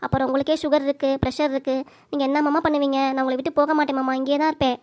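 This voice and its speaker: A woman voicing an anxious, devoted young daughter-in-law in an amateur cartoon, pleading rapidly with her father-in-law. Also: high-pitched, flat delivery, darkish tone, lightly acted. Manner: rapid pleading, repeated appeals.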